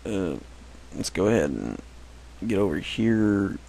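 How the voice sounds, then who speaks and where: A man's voice: low voice, sing-song, slow, creaky, mellow, a little hiss or hum, poor audio. A man giving casual, rambling commentary while playing a game, often correcting himself. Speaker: gameplay commentator.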